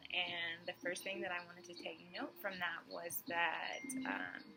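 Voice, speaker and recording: A young woman speaks in a rather low, just-woken voice, slow and musing, filling gaps with soft pauses. Steady background noise sits clearly under her words in this casual recording. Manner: soft, unhurried, many "um" pauses. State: sleepy morning voice. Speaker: vlogger. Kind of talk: casual reflective monologue.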